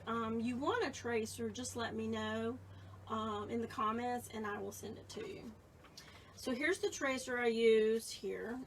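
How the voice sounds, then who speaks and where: A woman's voice: fairly high pitch, fairly bright tone, distant mic, slight background noise, poor audio. A woman in her late fifties giving a casual, chatty painting lesson and reading viewer comments as she works. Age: 50s. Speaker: painting instructor. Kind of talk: live painting tutorial.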